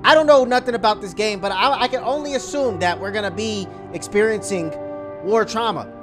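A man's voice: sits high, a little fast, over music. A young man casually commentating a horror game for viewers, slangy and easily startled. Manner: slangy, jumpy, talks to viewers. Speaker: gaming YouTuber. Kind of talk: horror let's play commentary.

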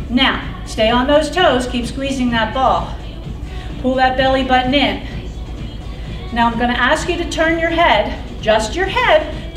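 Calling out moves to her class, an upbeat, high-voiced woman leads aerobics and counts down repetitions with plenty of encouragement. She's fairly far from the mic in a roomy indoor studio with a wooden floor, and loud workout music plays behind her.

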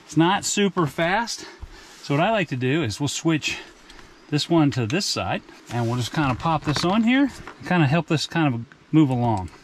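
Middle-aged male vlog host, fairly high voice, chatty and plainspoken, camp gear review, faint outdoor hiss behind. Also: very animated, moderate pace. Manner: chatty, plainspoken, with frequent restarts. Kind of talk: casual product review vlog. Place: outdoors in a forest campsite and inside a rooftop tent.

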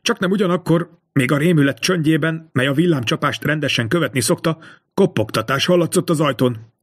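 A man narrating a classic novel as an audiobook in a measured, expressive way. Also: fairly high pitch. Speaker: audiobook reader.

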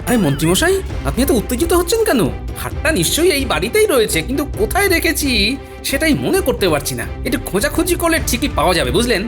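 Casting: a cheeky, quick-witted cartoon jester, a woman doing a young man, lively and sing-song, music behind. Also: high-pitched. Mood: feigned forgetfulness. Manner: sly, playful, feigns forgetfulness. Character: clever, cheeky male court jester. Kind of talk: cartoon voice acting. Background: background music.

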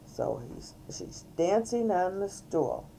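Older lady reading a kids book at home, super mellow, slow and sing-songy. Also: lowish voice, big pitch swings, gravelly, breathy edge, rough recording. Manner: gentle and coaxing, talking to small children. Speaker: great-grandmother reading aloud. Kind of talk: children's storybook reading. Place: at home, filmed by a family member.

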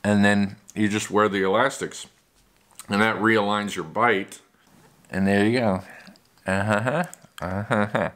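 A man in his forties wearing braces talks to the camera about his treatment, rambling and matter-of-fact, with a slight lisp from the elastics. His voice sits fairly low yet sounds bright and forceful. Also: steady tone, takes it slowly, pauses often. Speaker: vlogger. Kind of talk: casual talk to camera.

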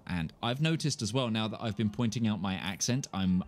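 This young man's voice sits on the low side, expressive and fairly quick, with a nasal quality and a mild Kentish accent from southern England. A streamer, he keeps up rambling, self-deprecating live-stream chat full of laughter while playing a game. He's seated in a gaming chair at home, facing a desk mic.

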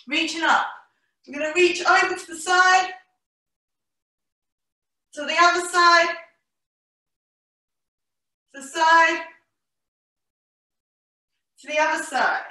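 A fitness instructor, a woman with a very high, bright voice, counts out exercise reps and gives short encouraging cues. Her delivery is very slow and spaced out. She sounds far from the microphone in a living room. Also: heavy reverb. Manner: counting workout reps aloud. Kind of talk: home HIIT workout instruction. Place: medium-sized living room, indoors. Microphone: camera or laptop mic across the room.

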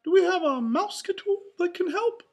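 A woman's voice: very high-pitched, lively intonation, fairly quick, darkish tone, voice pushed up. A woman voicing a cheerful male cartoon mouse with bubbly, exclaiming delivery while reading a storybook. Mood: concerned, pleading.

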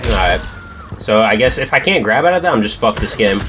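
A man's voice: fairly low pitch, lively intonation, fairly quick, a bit bright, slight background noise. A young man giving casual commentary on his own video game matches in a slangy, profane, sarcastic way, with frequent swearing. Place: indoors at a gaming setup in a dim room. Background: game music.

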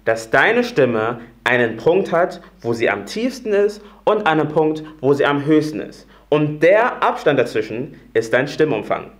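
A man in his late twenties, a singing coach, giving an upbeat, chatty YouTube singing tutorial and demonstrating different voice types as he goes. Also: on the high side. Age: late 20s.

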